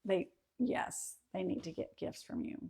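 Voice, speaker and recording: A woman's voice: a little slow, warm tone. Chatty woman reading viewer comments. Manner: chatty, with many ums, reads comments aloud. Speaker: host of a home and kitchen channel. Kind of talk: casual livestream chat reading viewer comments. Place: at home.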